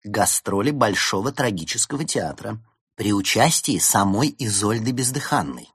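A man's voice: lowish voice, expressive, normal speed, a bit bright, husky, no room sound, studio quality, full character voice. A man reading a storybook aloud, voicing a bossy, teasing young female fox. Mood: reporting. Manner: mocking, teasing. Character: bossy quick-tongued young vixen.

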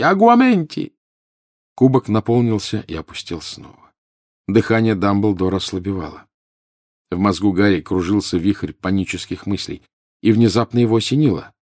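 A man reading scripted audiobook narration in a steady, measured way. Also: sits low, no room sound, clean studio sound.

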